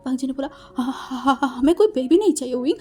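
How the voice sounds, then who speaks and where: A woman's voice: high-pitched, fairly even intonation, very fast, creaky, mellow, exaggerated voice. A woman voicing a distraught young man who stammers and repeats words while pleading. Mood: panicked pleading.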